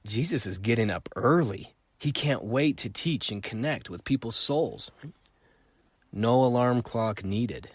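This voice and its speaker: A middle-aged man hosts a solo podcast, telling his stories in an animated way. His pitch sits in an ordinary middle range, and he repeats phrases for effect. The recording is close and dry, with no room sound. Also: unhurried, husky, no room sound. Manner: animated storytelling, acts out voices, repeats phrases. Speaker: podcast host.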